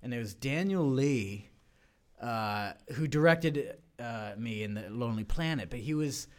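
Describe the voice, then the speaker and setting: A man's voice: medium pitch, unhurried. Guy rambling on a studio mic about sketch shows, lots of uh and like. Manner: rambling, many fillers and restarts. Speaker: improv and sketch performer, guest. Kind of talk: casual interview chat. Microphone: studio microphone.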